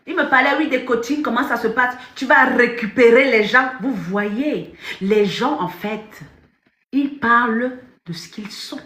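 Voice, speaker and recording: Emphatic woman coach, bright echoey voice. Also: on the high side, measured pace. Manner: emphatic, repeats phrases, addresses viewers directly. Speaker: life coach. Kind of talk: live-stream motivational talk. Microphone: phone.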